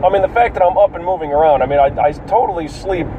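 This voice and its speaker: Congested man with a cracking voice. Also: high voice. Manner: colloquial, profane, halting. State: congested with a cold, throat clearing. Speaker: podcast host. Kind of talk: casual rambling solo chat. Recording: dull, distant mic, loud vehicle noise.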